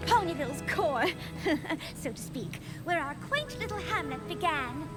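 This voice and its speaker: A woman's voice: sits high, sing-song, measured pace, over loud music. A woman voicing a refined young female cartoon pony designer, theatrical, gushing and easily flustered. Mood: nervous, formal. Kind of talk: cartoon dub acting.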